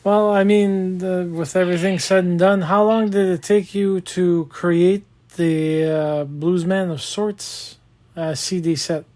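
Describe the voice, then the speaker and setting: A man hosts a casual interview and puts short questions with small hesitations. His voice sits high, and he speaks slowly. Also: steady tone, darkish tone. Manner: brief, unhurried questions with hesitations. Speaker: interview host.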